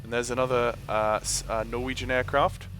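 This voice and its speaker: Man commentating over a steady engine hum. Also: medium pitch, brisk. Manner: hesitant, thinking aloud while working through procedures. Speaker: flight simulator streamer. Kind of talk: casual live gameplay commentary. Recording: clear engine hum behind voice. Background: simulated propeller aircraft engine noise.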